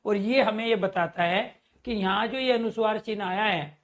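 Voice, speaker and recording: A male grammar teacher runs an online class in a high-pitched, slightly bright voice at a normal pace. He works in a question-and-answer style, posing questions to the class and answering them himself. He speaks to students in a friendly, direct way and calls viewers his dear friends.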